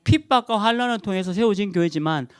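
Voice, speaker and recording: A middle-aged male pastor delivers a sermon in a high-sitting, smooth voice, speaking fast with no echo. He's emphatic and animated, repeating key words and chuckling at his own jokes.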